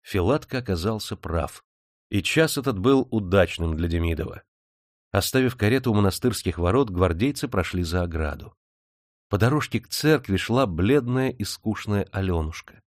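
A man narrating an audiobook, reading expressively and lifting his voice for lively dialogue. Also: normal speed, dry recording, studio quality. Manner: animated, raises pitch for excited dialogue.

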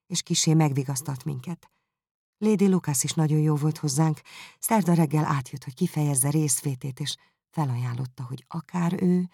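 A narrator voicing Jane, a gentle and anxious young woman, speaking in a soft measured way in an audiobook. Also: mid-range voice, creaky, husky, no echo, clean studio sound.

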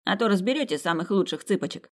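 A woman's voice: mid-range voice, animated, quick pace, a little mellow, voice pushed up, natural voice. A woman doing a cocky teasing young man.

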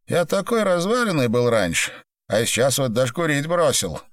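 A man's voice: medium pitch, very animated, normal speed, dry recording, pitched above the performer's own voice, lightly acted. A man reading an audiobook and voicing a brash, impatient, foul-mouthed male boss. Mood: jovial. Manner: loud, coarse, bossy.

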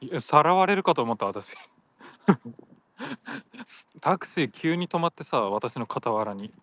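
A man's voice: fairly high pitch, sing-song, slow, fairly bright tone. A man hosting a solo audio chat, rambling casually and playfully, laughing often and slipping into silly voices.

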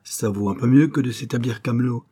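A man's voice: mid-range voice, fairly quick, warm tone, slightly rough, close to an everyday voice. A man voicing a cocky young male street rascal in an audiobook, grumbling and indignant in slangy speech.

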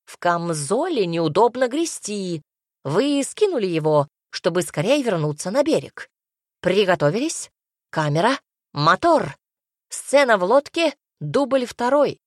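A woman voicing a bossy, excitable male gnome film director who barks orders at his actors. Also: on the low side, a little slow, dry recording, studio quality. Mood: frantic, pushy. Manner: barking commands, pushy.

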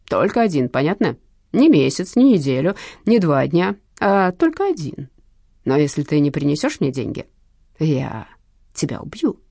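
In an audiobook, a hoarse, mocking male gangster threatens and sneers with a lively, swinging delivery, as a woman reader puts him on. The sound is warm and dry, close to the mic. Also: lowish voice, moderate pace, no echo. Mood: threatening. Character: menacing male gangster loan shark, mocking. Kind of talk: audiobook character voice.

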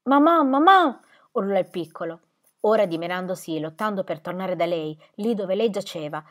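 A woman narrating an audiobook with an expressive, dramatic reading. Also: lowish voice, a little fast. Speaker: audiobook reader. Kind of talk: scripted narration.

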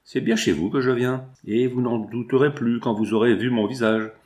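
A man's voice: medium pitch, fairly even intonation, normal speed, darkish tone, lightly acted. A man voicing a resolute young woman who insists on being heard, in an audiobook. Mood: firm. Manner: firm, insistent.

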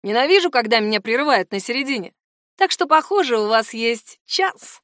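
A woman reading an audiobook, voicing a brash, scheming teenage boy who taunts and threatens in loud outbursts. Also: a little high, expressive, normal speed, dry recording, studio quality. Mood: taunting.

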